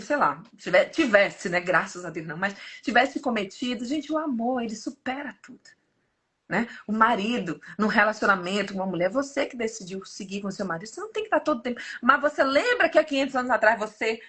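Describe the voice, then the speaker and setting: Husky Brazilian woman giving a lively devotional talk. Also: on the high side. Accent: Brazilian Portuguese. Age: 50s. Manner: animated, often turns to the audience as "gente".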